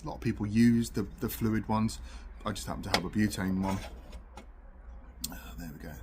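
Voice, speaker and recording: Recorded noisily on nothing but the camera's built-in microphone, a British man reviews something casually while puffing on his pipe. He talks fairly quickly in a lowish, steady voice.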